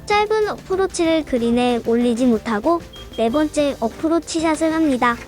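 High-pitched woman giving scripted golf commentary. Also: expressive, normal speed, darkish tone, faint music behind. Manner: polite, formal reporting. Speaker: narrator of an amateur golf vlog. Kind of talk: scripted golf commentary voice-over, reporting shot by shot.

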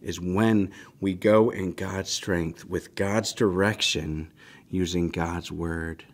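A man's voice: sits low, steady tone, slow pace. A man in his thirties giving an earnest devotional Bible teaching at a desk mic in a small studio, often checking in with "right?". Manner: earnest, emphatic, frequent "right?" asides. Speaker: pastor. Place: small church studio, indoors. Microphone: desk mic on a stand.

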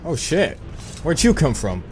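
Speaking unhurriedly over music, a Dutch gameplay commentator with a slightly high voice and big pitch swings talks to himself through a casual let's play. The young man, from the Netherlands and with a Dutch accent, mutters along and pokes fun at himself.

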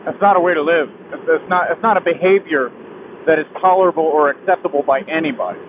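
Riding his motorcycle on the highway, a young man who makes motovlogs talks through a personal confession. He speaks with a heavy heart, hesitating and beginning again and again. His helmet mic sounds tinny, with wind and road noise underneath.

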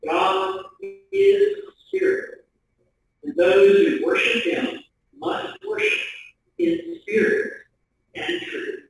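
A middle-aged man, a priest, reading the gospel and preaching in a measured, deliberate way from a lectern in a church sanctuary. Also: extremely high pitch, big pitch swings, creaky, slight background noise. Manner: measured, deliberate delivery from a pulpit. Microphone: stand mic, camera from across the room. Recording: echoey church from far off.

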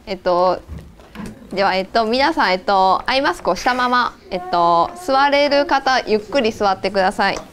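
A woman on the workshop staff giving gentle, hesitant instructions. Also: medium pitch, animated, normal speed, slight background noise.

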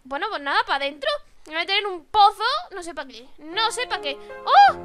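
A woman with a Spain Spanish accent doing let's-play commentary, animated, exclaiming and joking at what happens on screen. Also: very high voice, fast, soft background music. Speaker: gaming YouTuber.

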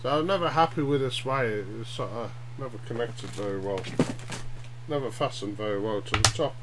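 This informal explainer vlog features a middle-aged radio hobbyist with a medium-pitched voice, filmed in a cramped, cluttered room at home. His delivery is halting and peppered with tag questions such as "yeah?" and "eh?". Captured on a webcam held at arm's length, the sound is noisy with a persistent hum.

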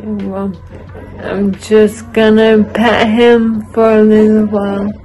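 A woman vlogging casually to camera, talking in halting, rambling bits with many restarts. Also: mid-range voice, level tone, dark tone, faint music behind, low-quality recording. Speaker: vlogger documenting her recovery.

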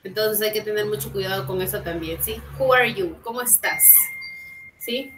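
Brief: woman teacher on a video call, patient explainer, middle-pitched voice. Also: normal speed, noisy background. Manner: patient, explaining, checks in with frequent tag questions. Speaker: English teacher. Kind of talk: online class lesson. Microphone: computer mic on video call.

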